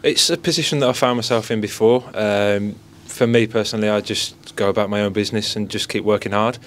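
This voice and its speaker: A man's voice: lowish voice, fairly even intonation, brisk. A young man in his twenties, a goalkeeper, giving a modest post-match interview into a cluster of handheld mics in an indoor press area. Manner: modest, repeats stock phrases. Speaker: football goalkeeper. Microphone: several handheld mics and phones held close.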